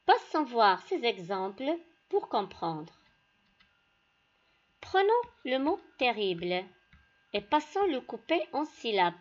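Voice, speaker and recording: A woman teacher giving a classroom lesson, speaking deliberately and addressing her pupils directly. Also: fairly high pitch, big pitch swings, muffled recording. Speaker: primary school teacher.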